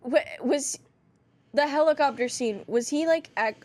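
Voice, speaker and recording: Young female co-host with a high voice, casual, chatty, self-deprecating. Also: unhurried, a little mellow. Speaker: podcast co-host. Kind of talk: casual film chat.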